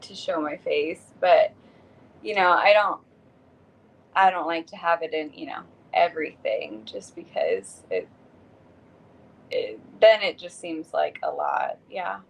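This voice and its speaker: A young woman guest chatting casually on a podcast, giggling often and pausing with hesitant fillers. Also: lowish voice, big pitch swings, dull audio. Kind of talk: casual chat.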